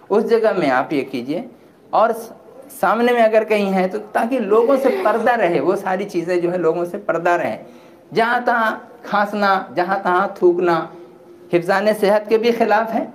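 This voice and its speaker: A man teaching at a religious gathering in a plain, conversational way after slow recitation. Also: sits high. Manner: recites Quran slowly, then explains in plain conversational tone. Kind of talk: religious instruction talk. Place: gathering hall. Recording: echoey room with faint ambient noise.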